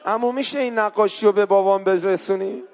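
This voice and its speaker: High-voiced man preaching a mourning sermon. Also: fairly even intonation, darkish tone. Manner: emotional storytelling, rising into wailing chant. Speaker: eulogist preacher. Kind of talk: mourning sermon with chanted lament.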